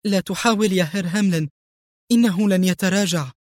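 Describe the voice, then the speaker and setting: A man voicing a tense young woman in an audio story, speaking quickly and nervously. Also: fairly high pitch, animated, a little mellow, husky, no room sound, studio quality.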